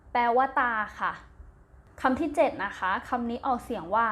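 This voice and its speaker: A woman with a Thai accent speaks at normal speed in a slightly high voice, teaching primary English. Her routine is to spell a word letter by letter, repeat it twice, and then give its meaning. The slow recorded classroom lesson has her gentle, patient tone, with polite particles at the end of phrases.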